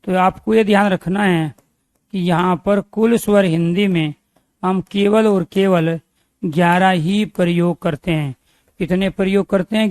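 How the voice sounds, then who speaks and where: A man's voice: high-pitched, a little mellow, dry recording, studio quality. A man teaching a grammar lesson, asking questions and answering them himself, repeating key terms so they stick.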